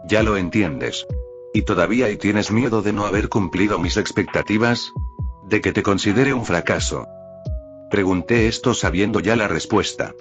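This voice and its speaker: A man calmly reading a first-person fan fiction story aloud as narrator. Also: lowish voice. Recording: dull lo-fi audio with faint music.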